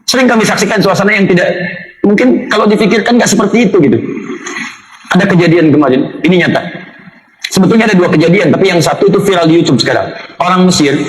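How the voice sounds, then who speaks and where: A man preaching a sermon to a live audience, telling stories in an animated way. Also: sits high. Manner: animated storytelling, voices the people in his stories. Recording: roomy hall with an audience.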